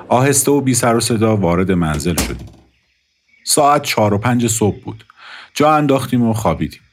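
A man calmly narrating a scripted first-person story in a measured way. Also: on the low side, slight background noise.

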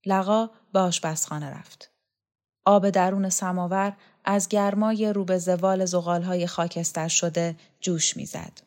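A woman reading a novel aloud as audiobook narrator, with measured, even delivery. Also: lowish voice. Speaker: audiobook reader. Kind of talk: scripted story narration.

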